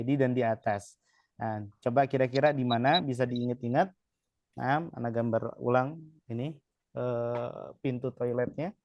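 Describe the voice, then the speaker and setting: Relaxed male Arabic teacher explaining. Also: mid-range voice, no room sound. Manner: explanatory, relaxed, frequent fillers and checks. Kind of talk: classroom lesson.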